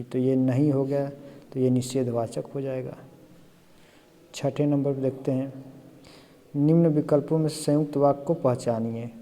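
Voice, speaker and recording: Guy teaching hindi grammar for exams, step by step, keeps saying "है ना?", very dark mellow voice, long reverb. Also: mid-range voice. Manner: explains step by step, often asks "है ना?". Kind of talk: exam-prep lesson.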